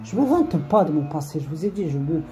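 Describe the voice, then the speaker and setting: Man, mid-range and mellow, casual preacher: rambling, repetitive, streetwise scolding, Arabic phrases, faint music under. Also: on the high side, big pitch swings, fairly quick. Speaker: preacher giving an online religious reminder. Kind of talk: informal spoken religious reminder.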